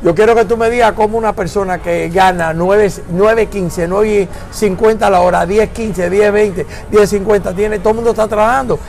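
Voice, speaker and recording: Older man, high gravelly voice. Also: steady tone, normal speed, few pauses, a little mellow. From Florida, United States. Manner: emphatic, searching for words, mixing in English. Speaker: interviewee. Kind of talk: conversational interview.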